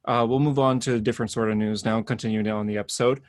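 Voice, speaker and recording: A man's voice: fairly low pitch, fairly even intonation, fast, no echo. Chatty man on a dry close mic. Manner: chatty, rambling, laughs often. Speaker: podcast co-host. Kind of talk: casual comic-book news chat.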